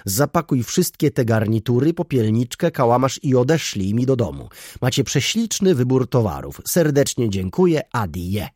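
A man's voice: fairly low pitch, big pitch swings, moderate pace, darkish tone, slightly rough, no echo, clean studio sound, heavily acted. A man voicing a fussy, absent-minded aristocratic baron who rambles and fawns. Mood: loud. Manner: fawning, rambling, eager.

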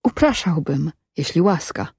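A woman's voice: medium pitch, expressive, moderate pace, dark tone, no room sound, studio quality, pitched above the performer's own voice, natural voice. A woman voicing a wary, stubborn peasant man who gives evasive, guarded replies in a storybook reading.

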